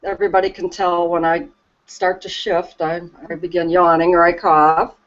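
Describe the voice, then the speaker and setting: A woman talking slowly and reflectively about her calm as a Reiki practitioner, soft and hesitant with many pauses and restarts. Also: fairly low pitch. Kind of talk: slow reflective conversation. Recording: dull lo-fi recording.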